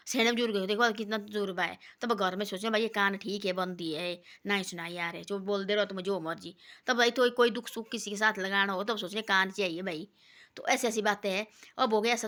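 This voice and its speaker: A woman's voice: medium pitch, pushed and bright. A woman telling casual moral stories in a rambling, repetitive way, dropping her voice to quote people. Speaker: storyteller giving moral talks. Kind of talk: casual moralizing folk storytelling.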